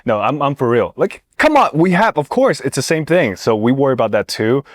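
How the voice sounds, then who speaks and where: A podcast host from China, a native Mandarin speaker with a Chinese accent, runs a playful, casual chat and jokingly teases his guest. His medium-pitched voice is sing-song and brisk, with no room sound.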